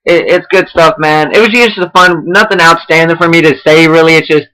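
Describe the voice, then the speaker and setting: A man's voice: on the high side, fairly even intonation, a little fast, sharp tone, clean tone, low-quality recording. A young man giving casual spoken feedback, rambling and profane with many restarts. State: out of breath. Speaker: online wrestling roleplay host giving feedback.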